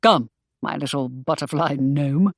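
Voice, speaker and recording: Woman putting on a deep-ish gruff gentleman pirate type, teasing and soft, dry audiobook sound. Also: measured pace, no echo. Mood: tender. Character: gruff, protective young nobleman suitor.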